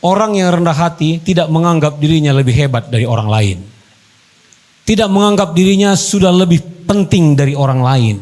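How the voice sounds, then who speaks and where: A male pastor delivers a wedding sermon in a high voice. He hammers home key phrases by repeating them. He drops into quiet, personal counsel to the couple, then rises into full preaching. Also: low-quality recording.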